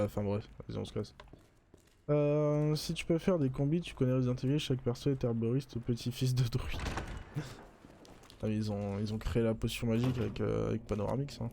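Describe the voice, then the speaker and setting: Gravelly-voiced man muttering through a game. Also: mid-range voice, dark tone. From France. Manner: chatty, muttering to himself, quick to joke. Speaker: let's play streamer. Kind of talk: casual gameplay commentary.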